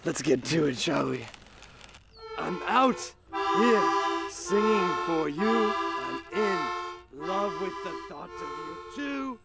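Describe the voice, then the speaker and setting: A man playing a crooning pirate singer in a comedy sketch, with a gravelly voice, over loud music. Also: on the high side, moderate pace, lightly acted.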